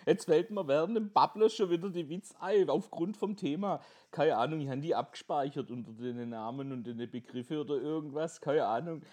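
On a casual podcast, a man tells jokes in a chatty monologue, quick to laugh at his own punchlines. Recorded through a headset mic, his voice is slightly high and warm.

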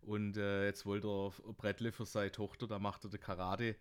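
A man's voice: fairly low pitch, flat delivery, moderate pace, smooth. A man with a Swabian accent telling jokes on his podcast, often bursting out laughing at his own punchlines. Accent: Swabian German. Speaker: podcast host. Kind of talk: joke-telling podcast monologue.

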